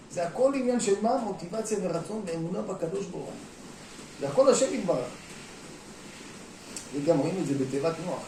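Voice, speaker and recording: A rabbi giving a lively sermon to an audience in a hall, shifting between talking and acting out quotes, calling out to the listeners. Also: male voice, fairly high pitch, slight background noise. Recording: echoey room, mic at a distance.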